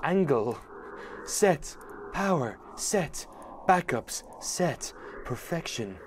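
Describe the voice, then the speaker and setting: A man's voice: fairly high pitch, big pitch swings, drawn-out words, background noise. A man hosting a let's play, giving casual, joking commentary while reading a visual novel. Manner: wry, joking.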